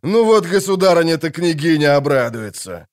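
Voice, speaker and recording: A man voicing a blustering mustached baron knight who talks loudly, pompously and drawn out. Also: on the high side, very animated, normal speed, pitched above the performer's own voice. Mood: astonished.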